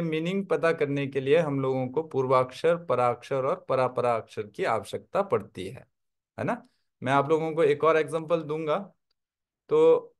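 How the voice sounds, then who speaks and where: A man teaching a Tibetan script class online, explaining step by step and often checking that his listeners follow. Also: fairly high pitch. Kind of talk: online language lesson.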